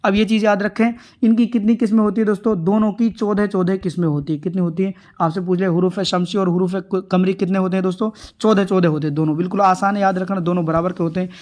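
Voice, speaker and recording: A man's voice: high voice, fairly even intonation, quick pace, few pauses, a little mellow. A man tutoring viewers through exam answers, asking himself questions and repeating each point for his friends watching. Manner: repetitive, rhetorical questions, addresses viewers as friends. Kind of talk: answer-key lesson.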